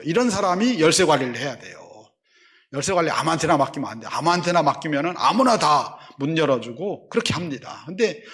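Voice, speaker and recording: Male pastor, conversational sermon delivery, rhetorical questions, slightly high voice. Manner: lively conversational preaching with rhetorical questions to the congregation.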